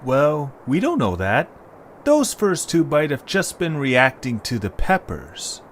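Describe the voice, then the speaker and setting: In a fan audio drama with storybook narration, a man plays a good-natured, weary young adventurer who is casual and exasperated. His exaggerated voice is fairly high, slow and full of huge pitch swings, with a casual, thoughtful mood. There is slight background noise.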